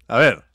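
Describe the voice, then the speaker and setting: A man co-hosting a podcast in casual chat, mostly chiming in with short reactions and quick questions. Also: sharp tone, no echo, studio quality. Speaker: podcast co-host.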